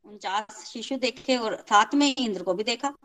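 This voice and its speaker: A woman with a high voice tells an old scripture story in an easy, conversational way. She repeats phrases for emphasis and talks straight to her listeners. Now and then she slips English words into her telling. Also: normal speed, a bit bright, low-quality recording.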